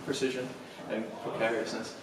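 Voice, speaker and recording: Guy chatting and muttering mid-climb, voice far from the mic, big boomy room. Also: level tone, moderate pace, very noisy. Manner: talks between moves, muttering to himself mid-climb. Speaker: climbing vlogger. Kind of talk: casual narration while climbing. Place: indoor bouldering gym. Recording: very echoey hall, distant mic, background music.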